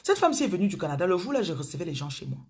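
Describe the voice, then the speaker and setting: Her pitch swings widely as this spiritual coach, a woman with a Cameroonian accent, preaches rapid-fire to viewers on a phone live stream in a chatty manner. The voice is deeply husky, breathy, and a little mellow, often fading into murmurs and whispers.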